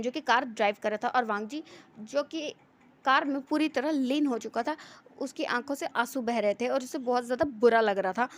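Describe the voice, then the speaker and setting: A woman telling a fan-fiction story in a chatty, run-on way with many fillers. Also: on the high side.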